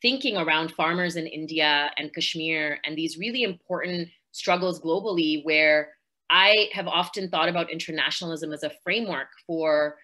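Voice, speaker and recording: A woman's voice: low voice, moderate pace, pushed and bright. A woman speaking earnestly and fluently as a panelist in an online discussion, talking from home over a video call. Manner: earnest, fluent activist talk with fillers. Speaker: panelist, podcast host.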